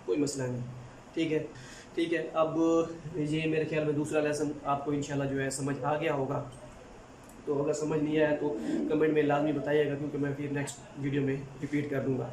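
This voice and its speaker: A man's voice: on the high side, a little mellow. Patient male teacher in an echoey room. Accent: Pakistani Urdu. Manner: patient, repeats words slowly and often. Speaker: language teacher. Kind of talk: informal recorded lesson. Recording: echoey room with faint noise.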